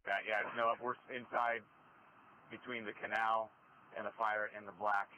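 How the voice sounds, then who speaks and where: A man's voice: lowish voice, little pitch movement, moderate pace, pushed and bright, dry recording, low-quality recording. A man working as a firefighter, reporting conditions from the field over a two-way radio.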